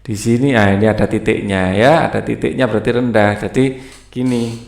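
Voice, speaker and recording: A man's voice: on the low side, fairly even intonation, a little fast, gravelly. A man explains a school textbook lesson, reading it aloud and singing note names and short song lines. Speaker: teacher. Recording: echoey room with faint guitar music.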